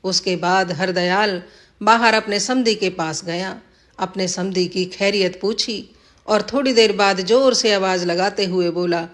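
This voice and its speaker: A woman's voice: medium pitch, steady tone, measured pace. A woman narrating a village folk tale in a plain storybook reading, lightly voicing the villagers' lines.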